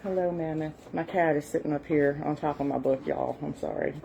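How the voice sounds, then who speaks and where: A Southern American woman with a soft, mellow, fairly low voice rambles happily at home, full of ums and little apologies. She sounds middle-aged and eager, and a faint hum of the room sits behind her. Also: steady tone, a little fast, creaky, low-quality recording. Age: at least late 40s. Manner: chatty and enthusiastic, frequent fillers and apologies; shows a book page and walks viewers through it. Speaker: history hobbyist host. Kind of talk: casual rambling explanation. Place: home, cat nearby.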